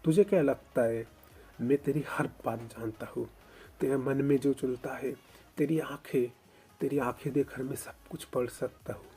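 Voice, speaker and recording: A man voicing a teasing, protective older brother who speaks loudly and fondly. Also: medium pitch, fairly even intonation, moderate pace, slightly rough, faint music behind. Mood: fierce, fond. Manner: loud, fond, scolding.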